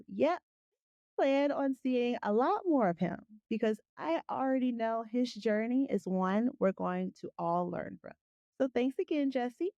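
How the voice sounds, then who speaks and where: A woman's voice: on the high side, dark tone, no room sound, dull audio. A woman hosting a podcast in a casual, chatty way, encouraging and effusive with her praise. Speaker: podcast host.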